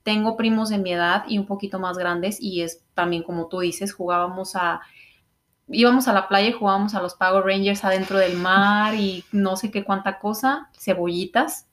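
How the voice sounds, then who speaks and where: A young woman with a Mexican accent chats casually as a podcast co-host. Her voice sits at an average pitch, and she talks in an informal, playful way. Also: fairly even intonation, moderate pace, a bit bright. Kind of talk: casual chat.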